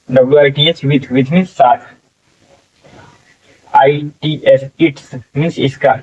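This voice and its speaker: Male tutor, unhurried spelling drill, heard from a distance on a dull lo-fi mic. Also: mid-range voice, a little mellow. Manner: slow, drawn-out syllable-by-syllable sounding out; frequent "theek hai" check-ins. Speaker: English teacher. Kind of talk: spelling lesson, sounding out words letter by letter.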